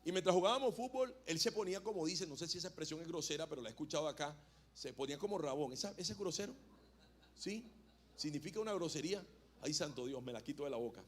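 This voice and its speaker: A man's voice: fairly high pitch, expressive, fast talker. A male pastor preaching a sermon in a church, chatting and joking with the congregation between points. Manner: conversational, jokes with the congregation. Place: church hall.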